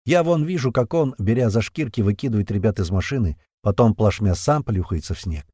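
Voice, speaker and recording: A man narrating a tense first-person audiobook, with swearing and lively storytelling. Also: on the low side, a little fast, slightly rough, no echo, studio quality.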